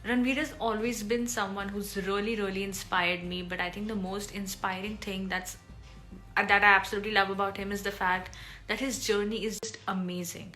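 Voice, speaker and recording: Woman, sharp bright voice, eager fan message. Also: mid-range voice, level tone, moderate pace, faint music behind, rough recording. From India. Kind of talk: fan testimonial.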